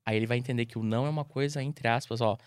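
Brazilian man, dog trainer, rapid and animated, slightly high voice, dry close mic. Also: clean tone, no echo. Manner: animated, acts out owners and dogs in quick voices. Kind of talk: casual interview talk.

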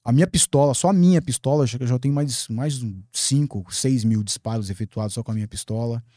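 Guest, male, from Brazil; mellow, dry-miked podcast storyteller, profanity and lively re-enactment. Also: medium pitch, fast talker, no echo. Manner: lively, swearing, acts out his own past words. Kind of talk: animated storytelling in a podcast interview.

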